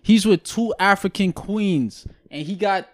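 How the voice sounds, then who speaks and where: A man's voice: high voice, unhurried, no echo, clean studio sound. A man from Guyana in casual podcast chat, blunt, opinionated and slangy.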